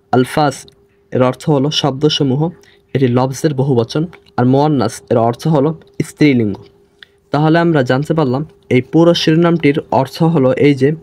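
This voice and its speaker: A man with a Bangladeshi Bengali accent teaching an online grammar lesson, slowly repeating sounds to show how they are said. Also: medium pitch, darkish tone. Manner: slow, repeats sounds to demonstrate pronunciation.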